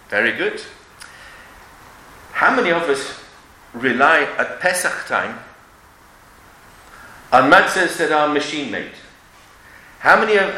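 A man's voice: on the high side, bright, forceful tone. A man giving an emphatic religious lecture with stories and rhetorical questions, sprinkling in Hebrew and Yiddish terms. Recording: echoey room with background noise.

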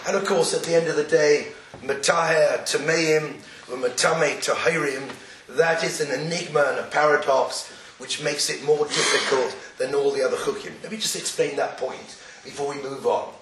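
A croaky-voiced man delivers a religious lecture, explaining deliberately and quoting Hebrew. His voice is a little high for a man. It comes from some distance in an echoey room, on a noisy recording. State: croaky, getting over an illness.

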